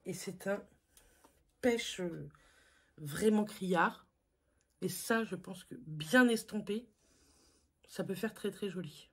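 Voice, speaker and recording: Female beauty vlogger, relaxed and chatty, teasing herself while showing products to camera. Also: mid-range voice, takes it slowly, pauses often, slightly rough. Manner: chatty, self-mocking, lots of fillers. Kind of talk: casual makeup haul review.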